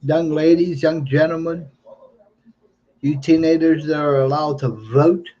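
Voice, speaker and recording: Toothless man, mellow and slightly slurred. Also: on the high side, steady tone, measured pace. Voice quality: toothless, slightly slurred speech, learning to talk without teeth. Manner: emphatic, repeats phrases. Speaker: livestreamer giving political commentary. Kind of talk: unscripted political monologue. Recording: dull lo-fi stream audio.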